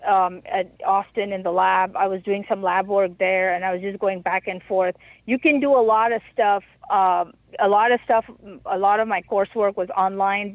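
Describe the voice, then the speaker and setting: Woman, phone-quality audio, dry sound, halting, repeats herself, interviewee. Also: medium pitch, no echo. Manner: halting, stumbling over words. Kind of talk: answering questions in an interview. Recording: tinny phone line.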